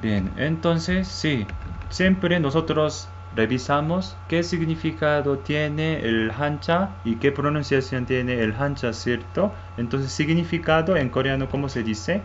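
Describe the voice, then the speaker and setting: A man whose first language is Korean, teaching a language lesson in Spanish with a halting style, repeating words and often checking "¿sí?". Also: fairly high pitch, dull audio, a little hiss or hum.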